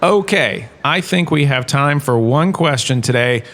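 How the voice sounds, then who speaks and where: In a comedy audio drama, a man plays a washed-up showbiz star who now lectures at a university, delivering a chatty, jokey scripted lecture with showman-like salesman patter. His medium-pitched voice is animated, a bit bright and unhurried, and his mood is playful, with slight background noise.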